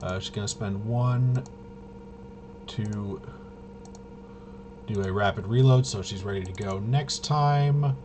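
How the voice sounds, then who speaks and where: Lowish in pitch, this man takes it slowly and leaves long pauses, with noise in the background. A solo tabletop RPG player and presenter, he casually thinks aloud through his gameplay, muttering hesitantly as he works things out.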